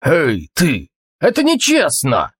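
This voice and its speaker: A man voicing a one-eyed male thug who shouts taunts and threats. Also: medium pitch, big pitch swings, moderate pace, no echo, clean studio sound, natural voice. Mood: taunting. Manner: shouting across distance, taunting.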